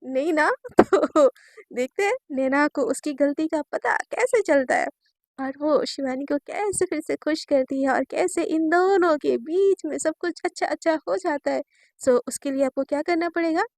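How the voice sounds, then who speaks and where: A woman's voice: high voice, normal speed, vocal fry, a little mellow, dry recording, studio quality. A woman telling a romance story on her channel in a chatty way, speaking straight to her viewers. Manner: chatty, addresses viewers directly.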